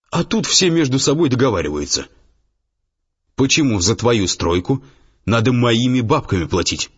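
A man's voice: low-pitched, a bit bright, breathy edge, full character voice. A man voicing an irritated male businessman who presses for answers. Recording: dull lo-fi audiobook, faint music.

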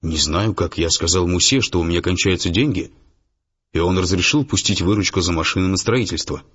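A man voicing a reserved, calm male businessman who answers in a measured way. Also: sits low, slightly rough. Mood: guarded. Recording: dull lo-fi audiobook, faint music.

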